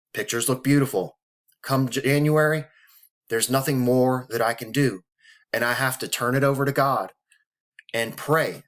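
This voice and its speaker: An emotional man in his thirties speaks straight to the camera, fighting back tears. His voice sits at an ordinary middle pitch and pace, and he swears freely while sounding earnest and heartfelt. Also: fairly bright tone. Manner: earnest, emotional, profane, motivational. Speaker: vlogger. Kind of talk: personal talk to camera.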